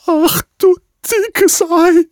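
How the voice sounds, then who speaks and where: A storyteller voicing a panicky, dramatic female goose with a squeaky voice in a children's story. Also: steady tone, extremely slow, darkish tone, no echo, clean studio sound, full character voice. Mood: distraught. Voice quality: squeaky, very high.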